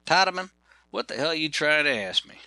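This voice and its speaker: Man doing a blunt good old boy carpenter, loud drawl, sharp bright tone. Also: a little high, big pitch swings, brisk, no room sound, voice pushed up, exaggerated voice. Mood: gruff. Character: gruff Southern male carpenter, good old boy, quick to smile.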